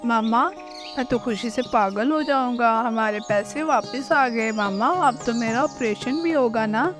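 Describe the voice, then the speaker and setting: टीलू: एक औरत द्वारा निभाया गया मासूम छोटा पक्षी लड़का. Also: female voice, a little high, a little slow, lightly acted. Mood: joyful. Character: young boy bird awaiting an operation. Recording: faint music behind the voice.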